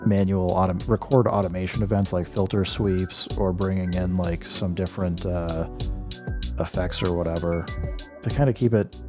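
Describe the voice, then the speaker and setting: A man's voice: sits low, steady tone, moderate pace. A man streaming while he builds a track, thinking aloud and correcting himself, his voice a little worn. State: slightly losing his voice. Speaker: music producer streaming. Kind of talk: casual livestream walkthrough. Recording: music playing behind.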